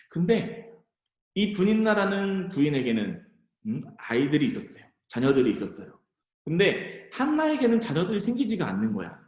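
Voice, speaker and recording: A male youth pastor retells a Bible story to teenagers, his pitch leaping around lively as he speaks to them directly. His voice sits a little high for a man and rings through a roomy church hall. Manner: animated storytelling, addressing teens directly. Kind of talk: youth sermon.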